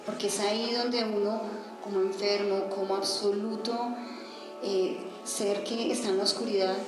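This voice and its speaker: Lady telling her faith story, earnest, big echoey room, soft music behind. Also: medium pitch, level tone, moderate pace. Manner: earnest, rising to pleading cries when reliving moments. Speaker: testimony speaker. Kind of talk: emotional religious testimony.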